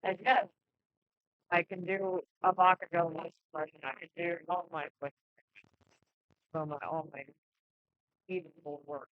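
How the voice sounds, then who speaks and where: A channel creator rambles through a casual update, stopping and restarting often. The voice is smooth and clear. It sits close in a dry, slightly dull lo-fi recording. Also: medium pitch, steady tone, no room sound. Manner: halting, rambling, many restarts.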